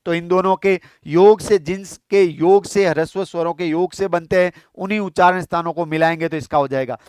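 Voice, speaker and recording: A man's voice: sits high, fairly even intonation, fairly quick, darkish tone, clear, resonant tone, no room sound, clean studio sound. A man from India teaching a Sanskrit lesson for exam preparation. He explains step by step, asks questions and answers them himself, and keeps calling his listeners "friends". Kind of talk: exam-prep classroom lesson.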